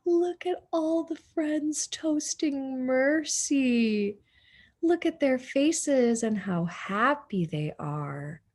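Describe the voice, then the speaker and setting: A woman teacher reads a storybook aloud to children, very slowly, in a high-sitting voice. She's animated and fills the reading with asides and questions for her young listeners.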